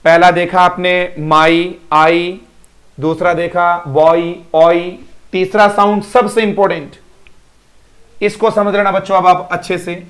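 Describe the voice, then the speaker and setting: The speaker is a male English teacher running a live online class, his high, slightly bright voice moving slowly and staying fairly flat in pitch. He has students practice pronunciation through repeated words and compliments them by name.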